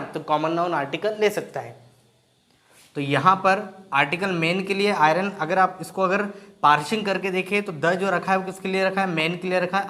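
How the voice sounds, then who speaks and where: A man's voice: sits high, a bit bright. A man teaching grammar in Hindi, asking and answering his own questions and often checking in with "right?". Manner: explains in Hindi mixed with English terms, asks and answers his own questions. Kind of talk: classroom-style grammar lesson.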